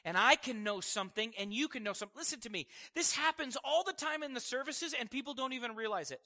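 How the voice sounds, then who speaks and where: A man's voice: very high voice, fast. A man preaching a conversational sermon, asking the listeners questions and chuckling as he goes. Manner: conversational and animated, asking the audience questions, laughing.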